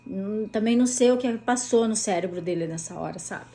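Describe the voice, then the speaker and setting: A woman, a mother telling a personal story in a chatty, animated vlog, full of tag questions. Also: medium pitch, a little fast.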